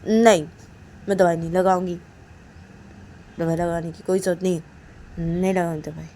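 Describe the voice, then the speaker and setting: A woman's voice: on the low side, fairly even intonation, moderate pace, dark tone, slight background noise, natural voice. A woman voicing a stubborn, angry young woman who snaps back with scolding retorts. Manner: scolding, snapping retorts of "haan?".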